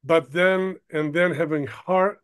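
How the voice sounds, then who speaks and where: An older man from Ukraine, a producer, talking as an interview guest in a halting way, stopping often to search for words. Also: fairly high pitch, steady tone, clean tone. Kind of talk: casual interview talk.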